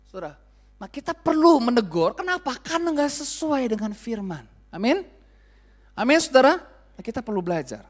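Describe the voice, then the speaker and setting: A man's voice: very high voice, big pitch swings, moderate pace. A man in his thirties preaching a sermon as pastor, in a casual, joking way, acting out quoted scoldings.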